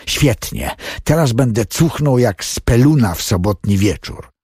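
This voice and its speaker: A man's voice: medium pitch, lively intonation, unhurried, darkish tone, husky, dry recording, clean studio sound. A man voicing a wry young man who is out of work, in an audiobook. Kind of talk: audiobook character voice.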